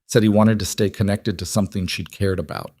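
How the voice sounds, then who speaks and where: A man voicing a weary, steady woman who runs a youth center, speaking quietly, dryly and bluntly. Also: lowish voice, a little fast.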